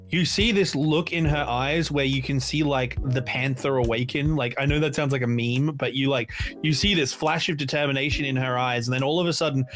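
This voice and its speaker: A man in his late twenties with an Australian accent, chatting casually on a podcast and explaining things at length in an animated way. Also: fairly high pitch. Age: 20s. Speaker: podcast co-host.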